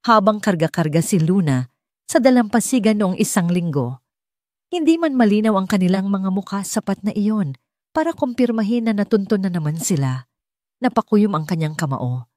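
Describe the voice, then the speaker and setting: Her voice sits mid-range with a darkish tone as she narrates a scripted dramatic story for an audiobook, her Filipino accent clear. The studio sound is clean, with no room sound.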